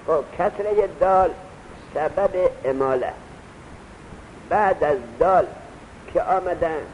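Man lecturing on grammar, slightly high voice. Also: a little mellow, a little hiss or hum, low-quality recording. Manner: repeats points and quizzes the students; urges students to take notes. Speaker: teacher of Arabic grammar. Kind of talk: classroom lecture.

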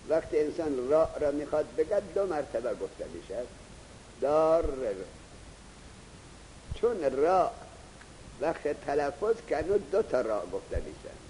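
A man teaching grammar in a classroom lecture, reading Arabic text slowly, then explaining it in Persian and putting questions to his students. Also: on the high side, darkish tone, big-room sound, a little hiss or hum, poor audio.

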